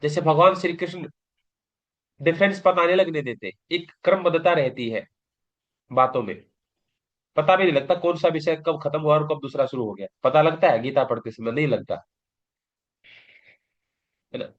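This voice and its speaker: Speaking at a normal speed with frequent pauses, a fairly high-voiced man delivers a recorded lecture preparing students for a yoga exam. He works through the material patiently, regularly raising questions and then supplying the answers. The audio has a dull, lo-fi classroom quality.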